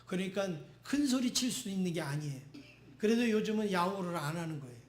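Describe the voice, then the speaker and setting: Male pastor, high voice, rhetorical sermon delivery, roomy sanctuary echo. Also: lively intonation, fairly quick. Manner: preaches with rising exclamations and rhetorical questions. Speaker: senior pastor. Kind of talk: Sunday sermon. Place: church sanctuary. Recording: echoey church sanctuary.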